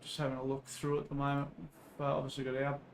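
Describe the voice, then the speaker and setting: A man's voice: mid-range voice, little pitch movement, fast talker, vocal fry. A man with an Australian accent casually commentating on a livestream in a laid-back, blokey, matey way. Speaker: livestreamer racing in an online endurance sim race. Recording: some background noise.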